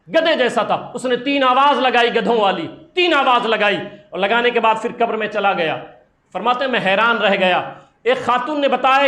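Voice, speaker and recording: A man's voice: sits high, a bit bright, roomy sound. A man from India preaching a sermon, telling stories with passion and repeating key phrases for emphasis. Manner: impassioned storytelling with emphatic repetition. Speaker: Islamic preacher.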